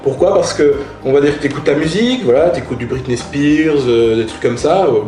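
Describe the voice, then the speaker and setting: A brisk, somewhat high voice with a darkish tone carries this casual gear review from a motorcycle vlogger. Reverb and soft background music fill the recording as he chats with viewers, emphatic and slangy, repeating key points.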